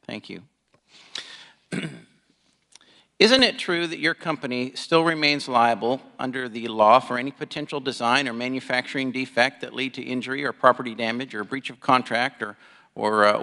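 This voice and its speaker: A man speaking as a politician at a legislative hearing, halting and formal, questioning and partly reading out. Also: mid-range voice, creaky, pushed and bright. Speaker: politician, congressman questioning a witness. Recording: reverberant hearing room.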